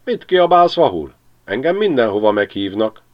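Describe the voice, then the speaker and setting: A man's voice: mid-range voice, sing-song, voice pushed up, lightly acted. A man voicing a cheeky, boastful, thieving magpie who chatters mockingly. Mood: taunting. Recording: slightly dull lo-fi recording.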